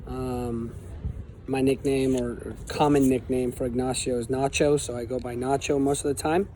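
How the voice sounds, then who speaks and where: Earnest young man from Argentina, warm low-key delivery, hesitant, faint hiss behind. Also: flat delivery, moderate pace. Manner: earnest, hesitant with many fillers. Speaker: aspiring teacher. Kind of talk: casual self-introduction.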